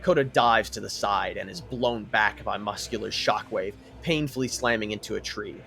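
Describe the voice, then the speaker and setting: A man narrating a fan story in a dramatic, lively way. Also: on the low side, normal speed, creaky, soft background music.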